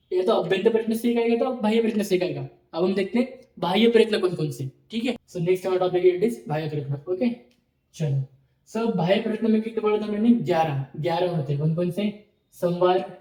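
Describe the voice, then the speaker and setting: A man's voice: high voice, warm tone. A man teaching a recorded Sanskrit lecture. He explains step by step, repeats lists and keeps checking with "theek hai" and "okay", with English words mixed into his Hindi. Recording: roomy echo, mic at a distance.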